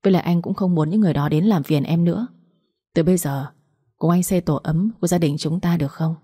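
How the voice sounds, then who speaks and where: A caring, considerate young man in an audiobook romance, gentle and reassuring, as a woman reads him. Low, mellow delivery. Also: quick pace, breathy edge.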